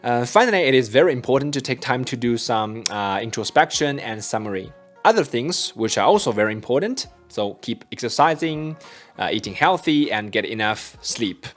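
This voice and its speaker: A young man, a student whose first language is Chinese, narrating a vlog in a careful, measured way with many hesitations. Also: medium pitch, animated, soft background music. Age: young adult. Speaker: vlogger, engineering student.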